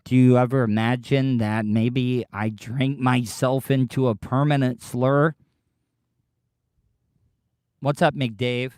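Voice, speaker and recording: A man hosting a casual livestream, talking haltingly and defensively with profanity, his speech slightly slurred as if his lip is full of dip. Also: medium pitch, flat delivery, a little mellow, no room sound, clean studio sound. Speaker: podcast livestream host. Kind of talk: casual livestream chat, answering live commenters.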